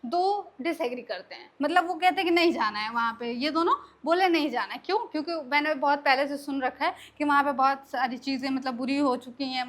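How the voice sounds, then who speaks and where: High-voiced woman teaching English. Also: fairly bright tone. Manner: explanatory, repeats "ठीक है" often. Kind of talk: spoken English lesson in Hindi.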